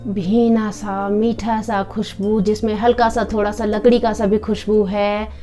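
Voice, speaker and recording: A woman giving a casual product review with a live demo, in calm, unhurried descriptive talk with occasional fillers. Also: medium pitch, soft background music.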